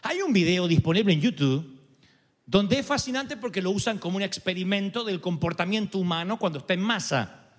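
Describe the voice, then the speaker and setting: A male pastor, preaching a sermon in an animated way and acting out quoted voices. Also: high-pitched, fairly quick. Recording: long hall reverb.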